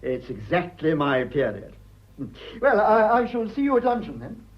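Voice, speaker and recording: A fussy, high-pitched upper-class Englishman plays a stiff, anxiously proper son in a stage comedy of manners done as radio acting. He sounds prim, flustered and earnest, very animated at a normal speed, on lo-fi audio.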